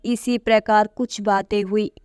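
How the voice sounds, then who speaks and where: Slow, clear woman storyteller. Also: mid-range voice, fairly even intonation, darkish tone, dry recording, clean studio sound. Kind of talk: reading a short story aloud.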